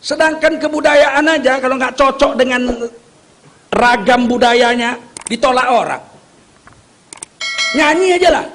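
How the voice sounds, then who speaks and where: Very high-pitched fiery preacher. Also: male voice, unhurried, pauses often, fairly bright tone. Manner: fiery, joking, prompts the crowd to answer back. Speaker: Islamic preacher. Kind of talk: rousing sermon with call-and-response.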